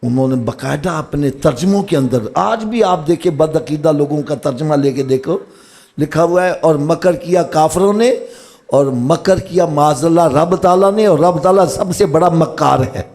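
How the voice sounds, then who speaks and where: A man with a Pakistani Punjabi accent delivers a sermon before a live religious gathering. His voice goes from quiet explaining up to loud, shouted calls to the crowd.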